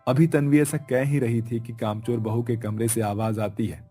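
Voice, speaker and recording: A man narrating a cartoon story in a measured, storytelling manner. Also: medium pitch, steady tone, mellow, faint music behind.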